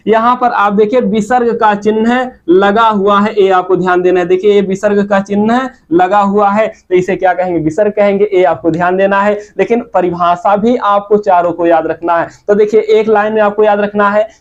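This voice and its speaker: A man with an eastern Uttar Pradesh Hindi accent teaching a grammar lesson, who repeats example words slowly and quizzes his students with questions. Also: sits high. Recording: muffled lo-fi sound.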